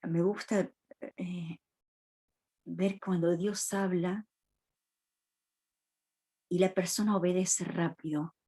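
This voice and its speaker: A woman's voice: on the low side, steady tone, takes it slowly, pauses often, warm tone, slightly rough. A woman preacher giving a sermon in a church, retelling a Bible story in a reflective, earnest way.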